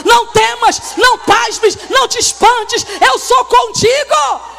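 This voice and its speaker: A woman pastor preaching a fervent sermon, exhorting her congregation and often shouting. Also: very high voice, slow, gravelly, soft background music, a faint crowd. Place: church service.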